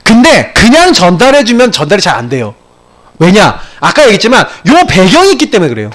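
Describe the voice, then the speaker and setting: A male pastor preaching from a church pulpit, his fairly high voice climbing sharply for emphasis. He swings widely in pitch, jumping between forceful exclamations and quiet, confiding remarks. The delivery is animated and conversational. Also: a little fast. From Gyeongsang region of Korea. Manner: animated preaching with sudden loud peaks and quiet asides. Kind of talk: sermon. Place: church sanctuary.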